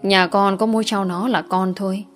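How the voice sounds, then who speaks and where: A woman's voice: mid-range voice, steady tone, fairly quick, soft background music, lightly acted. A woman voicing a poor, desperate older father who pleads hesitantly. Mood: pleading.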